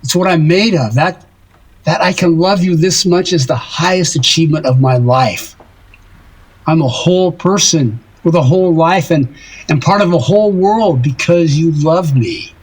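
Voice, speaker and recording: An actor playing a lovesick, self-deprecating older married man in an audio drama, rambling wistfully and haltingly in a husky voice. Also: fairly high pitch. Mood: adoring.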